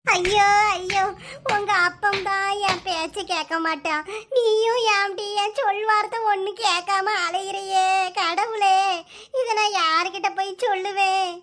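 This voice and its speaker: A woman putting on a melodramatic village mother in a cartoon, bitter and tearful, wailing her complaints in a Kanyakumari Tamil accent. The voice is pitched very high. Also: fairly even intonation, measured pace, a bit bright, slight background noise. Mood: lamenting. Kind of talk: cartoon voice acting.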